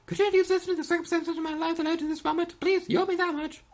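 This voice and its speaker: A woman's voice: very high-pitched, little pitch movement, a little mellow, voice pushed up. A woman voicing a young girl, a rich debutante fallen into poverty, in a theatrical, pleading and self-pitying way as she reads game dialogue. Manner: theatrical, pleading, rapid gushing delivery. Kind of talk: reading game dialogue aloud in a put-on voice.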